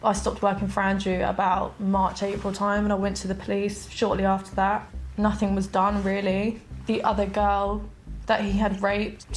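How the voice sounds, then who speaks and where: A woman interviewed for a documentary, recounting events in a soft, halting, hesitant way. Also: mid-range voice, vocal fry, a little hiss or hum. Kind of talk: recounting personal experiences in an interview.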